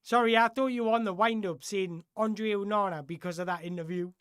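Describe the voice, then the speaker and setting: Fielding questions from viewers on his football stream, the host chats in a meandering way, frequently backing up to say things differently. His middle-pitched voice is fairly quick with a clean tone, captured close and dry without room echo.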